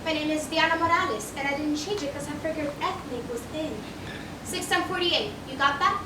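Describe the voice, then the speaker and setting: A woman's voice: high-pitched, a little fast, background noise, lightly acted. A woman playing a defensive, wisecracking young dancer, on a school stage. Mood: sassy, nervous. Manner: sassy, defensive. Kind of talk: stage musical acting. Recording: echoey stage, distant mic, music behind.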